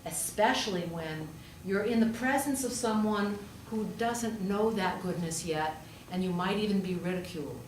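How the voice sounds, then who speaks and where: Here a woman at medium pitch preaches at a moderate pace, barely pausing. Her sermon is conversational storytelling, with rhetorical questions and repeated lines for emphasis, and she also works as a hospital chaplain. Faint noise sits under a roomy, far-off recording.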